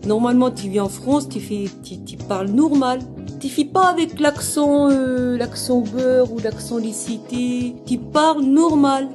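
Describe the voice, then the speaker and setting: A performer voicing a mocking caricature of a pundit, talking in a slow, mocking drawl. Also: male voice, very high voice. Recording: music playing behind.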